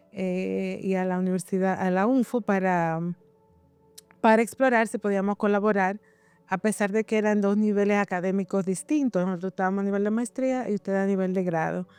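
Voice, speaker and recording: A woman's voice: medium pitch, normal speed, darkish tone, smooth, no echo, faint music behind. A woman instructor, talking conversationally and often searching for words as she explains academic work. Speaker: university instructor.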